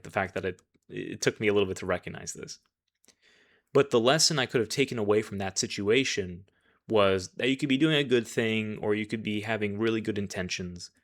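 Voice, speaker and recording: Thoughtful man with a lowish voice. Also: fairly bright tone. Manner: measured, thoughtful, occasional self-corrections. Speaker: life coach. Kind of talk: reflective storytelling monologue.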